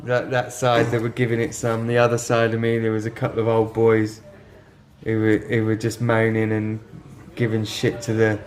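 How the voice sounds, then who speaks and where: A man's voice: fairly low pitch, completely flat delivery, moderate pace, a little mellow, a little hiss or hum. A middle-aged man, chatting casually with a co-host in a pub, laughing often and swearing freely. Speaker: podcast co-host. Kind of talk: casual chat.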